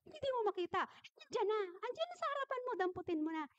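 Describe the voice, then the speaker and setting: A woman's voice: sits high, sing-song, brisk, dry recording. A woman voicing a busy rural mother giving her child offhand instructions in a story. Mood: brisk.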